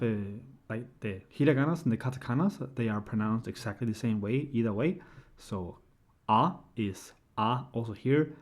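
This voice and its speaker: A man's voice: mid-range voice, a little mellow. A man giving a casual screen-share tutorial, explaining step by step and often checking in with "right?". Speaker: language tutor.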